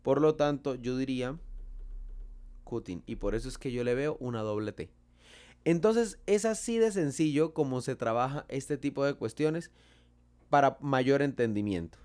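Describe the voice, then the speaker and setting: A man with a Colombian Spanish accent explains a lesson slowly and deliberately, asking his own questions and then answering them. His voice is medium-pitched, animated and a little mellow.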